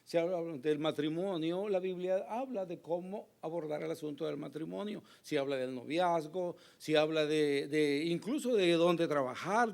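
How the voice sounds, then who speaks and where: Hoarse man preaching a sermon. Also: fairly high pitch. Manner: earnest preaching with emphatic rises and asides to the congregation. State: hoarse, recovering from lost voice. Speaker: pastor.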